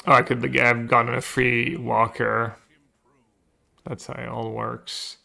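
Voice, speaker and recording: Thinking aloud in short phrases that trail off, this man chats casually with viewers while streaming a card game. His mid-range voice is slow, creaky, and sharp in tone, with little pitch movement.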